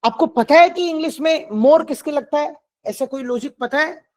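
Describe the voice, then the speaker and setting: A man's voice: extremely high pitch, normal speed, darkish tone, poor audio. A man teaching a German class, patiently explaining grammar and mixing in English words. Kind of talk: classroom lecture.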